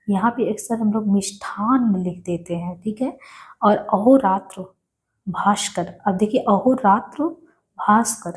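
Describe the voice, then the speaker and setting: A woman with a warm, mellow voice teaches spelling for exam preparation. She reads out each word several times and poses questions that she then answers herself, in a steady mid-range pitch. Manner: repeats each word slowly, asks and answers own questions. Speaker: Hindi teacher. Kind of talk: exam-prep spelling lesson.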